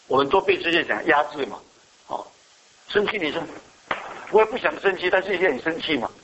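Bright-voiced man preaching a sermon. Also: on the high side, lively intonation, brisk, lo-fi sound, slight background noise. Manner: asks the congregation questions and answers them. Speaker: pastor.

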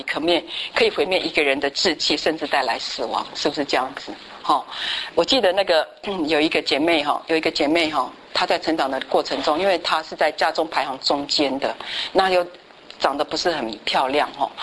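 Woman church teacher, slightly low voice; lively storyteller who keeps asking the class questions. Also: a little hiss or hum, low-quality recording. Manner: lively storyteller, tags sentences with a chatty particle, asks the class questions. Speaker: church Bible study teacher.

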